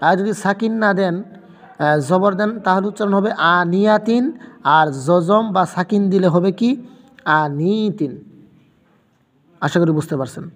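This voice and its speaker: A man's voice: high-pitched, a little slow, long pauses, long reverb tail. A man teaching a Quran reading lesson, patiently spelling out letter sounds one by one and repeating them.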